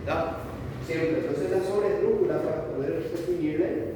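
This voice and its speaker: A man teaching a class slowly, repeating points and checking understanding. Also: fairly high pitch, fairly even intonation. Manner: slow, repetitive, checks understanding often. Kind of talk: classroom lesson. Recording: echoey room from far off, faint noise.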